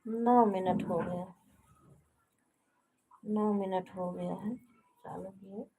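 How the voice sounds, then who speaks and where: A woman casually chatting with viewers on a live stream, speaking softly and hushed from a balcony at home. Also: mid-range voice, steady tone, slow, a little hiss or hum, low-quality recording. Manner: speaks softly and hushed to avoid waking others.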